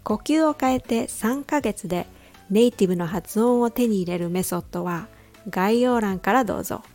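A woman coaching English pronunciation in a scripted podcast lesson, explaining clearly and reading example sentences slowly. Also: mid-range voice, a little mellow, faint music behind. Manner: reads English example sentences slowly and deliberately, twice for comparison.

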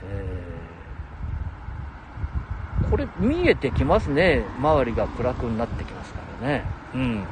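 Older man, 70s, Nagoya-area dialect, solo livestream host; lively up-and-down voice with a slightly high pitch, chatty and laughing, faint noise behind. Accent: Nagoya-area Japanese dialect. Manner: chatty, laughs often, talks to himself. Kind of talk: rambling solo livestream chat.

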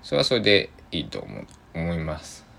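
Deep gravelly man rambling on a podcast. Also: wildly swooping pitch, brisk, sharp tone. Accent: Tosa dialect. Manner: rambling, hesitant, chatty. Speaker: podcast host. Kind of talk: solo podcast monologue.

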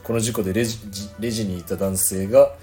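A young man chatting casually as a guest, easygoing and quick to laugh. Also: lowish voice, steady tone, warm tone, soft background music. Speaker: guest co-host. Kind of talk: casual chat.

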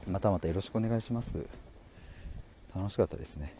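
A man hosting a casual livestream, reading out listener comments and chatting in an animated way with frequent laughs. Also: a little hiss or hum. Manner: chatty and animated, laughing often, with quick pitch jumps. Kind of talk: casual solo livestream chat.

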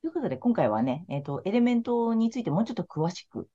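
A woman's voice: mid-range voice, big pitch swings, quick pace, warm tone. A woman tarot counselor in casual podcast chat, talking in a frank, laid-back, chatty way. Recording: slightly muffled lo-fi audio.

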